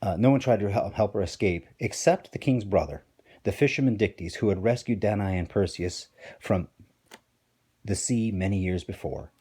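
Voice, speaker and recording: A man's voice: fairly low pitch, moderate pace, dark tone, husky. A man, a teacher, reading a storybook aloud with playful, wry asides to his listeners.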